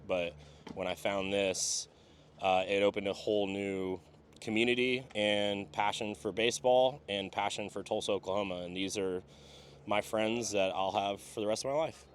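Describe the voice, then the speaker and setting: A man's voice: on the low side, steady tone, moderate pace, a little hiss or hum. A man speaking earnestly and plainly about his friends in an interview. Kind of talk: casual interview.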